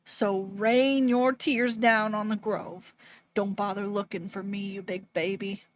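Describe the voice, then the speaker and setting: A woman's voice: mid-range voice, fairly even intonation, unhurried, lightly acted. A woman voicing a scornful villain's cruel farewell letter in a sneering, mocking tone.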